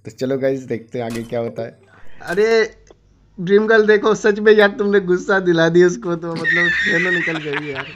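A man's voice: moderate pace, dull audio. A young man, casually commentating his own game and chatting with friends. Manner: chatty, switches from excited to low and subdued. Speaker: gaming YouTuber.

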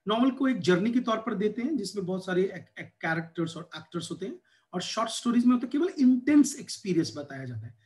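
A man from India delivers an exam-prep lecture on English literature, his voice sitting high, sing-song, fast, and darkish in tone. He switches between Hindi and English with an Indian accent, using frequent fillers.

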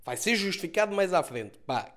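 Brief: male comedian, Lisbon accent, quick mocking recap, high bright voice, lots of cursing. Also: very animated. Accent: Lisbon Portuguese. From Portugal. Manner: mocking, swears a lot, mimics characters. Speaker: comedian reviewing a TV series.

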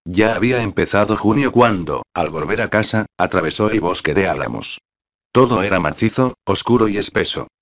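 Very deep-voiced man narrating an audiobook. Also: expressive, a little fast, a bit bright. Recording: dull lo-fi recording.

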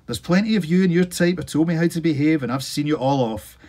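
A man voicing a stubborn, grumbling very old working man with a husky voice. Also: a little high, quick pace, dark tone, voice pushed up, natural voice. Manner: gruff, grumbling.

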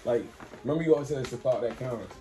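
At home, a prankster boyfriend who hosts the channel teases his girlfriend in casual vlog banter, his medium-pitched voice fast and mellow as he pushes playful, insistent slang during a prank. Soft music plays in the background.

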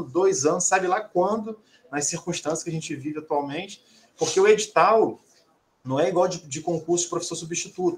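A Brazilian man, a faculty council member, arguing his position fast in a formal meeting, with many restarts. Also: fairly high pitch, a bit bright. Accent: Brazilian Portuguese.

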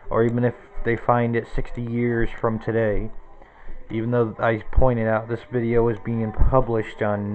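A man in his twenties vlogs a casual, rambling tour of his small, cluttered bedroom, naming one object after another. His medium-pitched voice has a phone-like quality, recorded on a handheld camera held close to his face.

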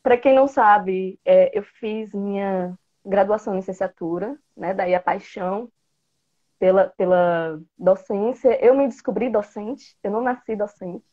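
Over a video call on an earphone headset mic, a woman in her thirties chats playfully as a guest, gesturing often. She's a biology teacher from interior Bahia with a Bahian Brazilian Portuguese accent, sitting in a small room indoors. Her medium-pitched voice is a little slow, and the audio sounds phone-quality.

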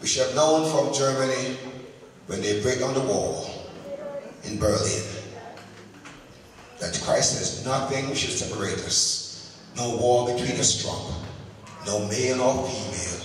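A middle-aged man preaching a sermon on a handheld mic, calling for answers from the congregation and swinging between loud peaks and low asides. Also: measured pace, long pauses. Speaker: pastor. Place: large church sanctuary with a choir behind him. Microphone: handheld microphone. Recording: very echoey, long hall reverb, distant camera mic.

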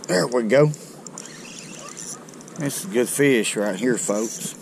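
Fishing from a rocky riverbank below a dam, a middle-aged man hosting a fishing video offers casual, folksy, excited commentary to viewers. His voice is mid-range, gravelly and slow, recorded outdoors on a chest-mounted action camera with slight background noise.

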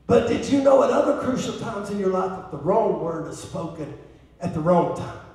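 A man with a Southern American accent preaching a sermon as pastor, swinging from hushed asides to shouting calls to the congregation. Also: sits high. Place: church sanctuary. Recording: echoey church hall from far off.

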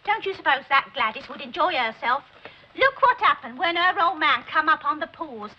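An actress playing a bossy, excitable middle-aged working-class London friend in a television drama, chatty and insistent. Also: female voice, high-pitched, moderate pace. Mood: persuasive. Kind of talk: 1960s television drama acting. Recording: dull old TV soundtrack, hiss.

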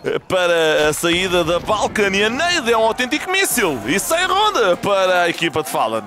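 A man with a European Portuguese accent commentating a live esports match play by play, getting excitable as the action builds. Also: high-pitched, normal speed. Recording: clear noise behind, game ambience.

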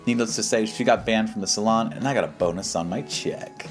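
With music playing behind him, a man hosting a reaction show speaks in a lowish voice at a fairly quick clip. He jokes his way through reading posts aloud, offering slangy, skeptical, casual remarks.

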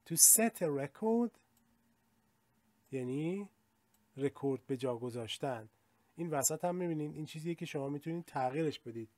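A man teaching English vocabulary, explaining in casual talk and reading example sentences slowly and carefully. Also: a little high, lively intonation, dark tone, no room sound. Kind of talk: vocabulary lesson in Persian.

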